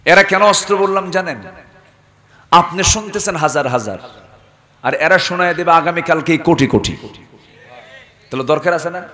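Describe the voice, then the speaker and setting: A man's voice: on the high side, bright, forceful tone. A man preaching a fiery sermon to a crowd, demanding call-and-response and dropping into joking asides. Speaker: preacher at a waz gathering.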